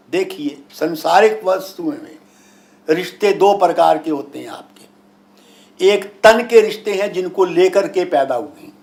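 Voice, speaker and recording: A man's voice: fairly high pitch, darkish tone. A man speaking as a guru and astrologer, giving an emphatic, didactic discourse with anecdotes, repetition and rhetorical questions. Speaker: guru and astrologer being interviewed. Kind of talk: spiritual discourse with anecdotes and explanations.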